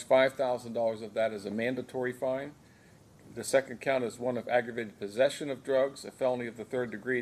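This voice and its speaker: An American man speaking as a judge, formally and procedurally questioning a defendant in a measured way with occasional hesitant pauses. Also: medium pitch, darkish tone. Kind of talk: formal plea hearing questioning. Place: courtroom. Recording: noisy courtroom recording.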